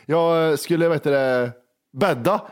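A man in a casual podcast chat, bluntly telling stories about losing his temper and swearing often. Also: fairly high pitch. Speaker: podcast co-host.

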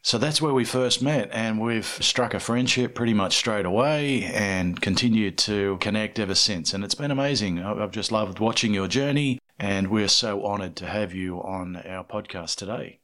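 A male podcast host with a fairly low pitch opens with a steady, earnest, welcoming scripted introduction, then chats with his guest at a moderate pace.

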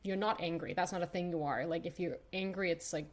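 Thoughtful and halting, a young woman from Denmark relates her life story on a podcast, with plenty of pauses and filler words. She speaks at a fairly low pitch.

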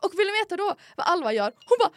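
A young woman co-hosting a podcast, telling a story in a casual, animated and dramatic way with lots of fillers. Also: very high voice, no echo. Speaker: podcast co-host.

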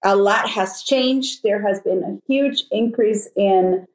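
A middle-aged Salvadoran woman, guesting on a podcast, tells stories in a chatty, conversational way. Her mid-range voice moves at a slow pace, recorded in an echoey room.

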